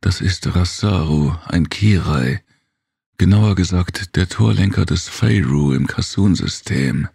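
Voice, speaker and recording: A man voicing a calm, protective male companion who speaks inside a heroine's mind, soothing her with gentle mockery. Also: low-pitched, slow pace, creaky, slightly rough, dry recording, studio quality, pitched above the performer's own voice, exaggerated voice.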